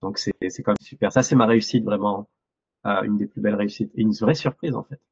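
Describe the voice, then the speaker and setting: Low, slightly husky man chatting encouragingly. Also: steady tone, quick pace, dry recording, muffled recording. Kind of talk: casual encouraging talk.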